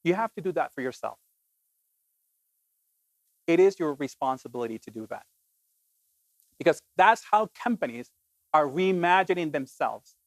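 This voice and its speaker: A man's voice: a little high, moderate pace, long pauses, no echo. Emphatic man from Colombia giving a talk. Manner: animated, emphatic, often repeats "basically". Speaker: keynote speaker. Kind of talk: motivational talk to an audience.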